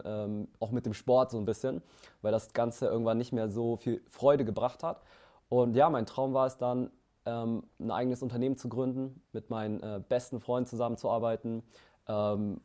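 Young man with a mellow voice. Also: medium pitch. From Germany. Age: 20s. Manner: relaxed, many fillers and restarts. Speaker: founder and CEO, interview guest. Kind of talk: casual interview answers.

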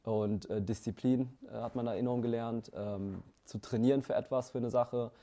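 A young man in his twenties talks about his path as a company founder in a relaxed interview. His voice is mellow and dark, and he often restarts sentences and fills pauses with hesitations. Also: mid-range voice. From Germany. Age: 20s. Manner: relaxed, many fillers and restarts. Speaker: founder and CEO, interview guest. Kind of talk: casual interview answers.

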